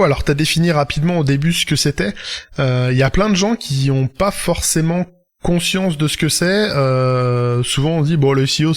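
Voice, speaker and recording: A man hosting a casual podcast, asking long, hesitant questions with many restarts. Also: a little high. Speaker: podcast host.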